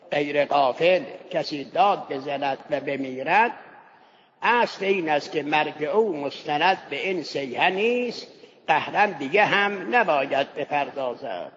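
A man's voice: a little high, lively intonation, a bit bright. A man teaching a seminary lesson on Islamic jurisprudence. He explains step by step, repeats key points and drops into Arabic legal phrases. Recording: muffled reverberant hall recording.

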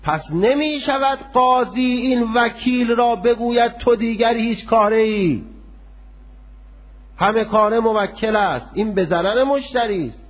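A man giving a seminary law lecture, arguing through hypothetical court cases in a lively, questioning way. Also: very high-pitched, dull audio. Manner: argumentative, poses hypothetical cases. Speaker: religious law teacher.

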